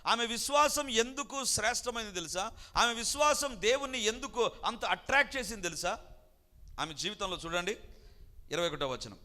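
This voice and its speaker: Animated high-voiced preacher in a reverberant hall. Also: male voice, normal speed. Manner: emphatic preaching, acting out the voices of people in the story. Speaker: pastor. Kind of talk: sermon.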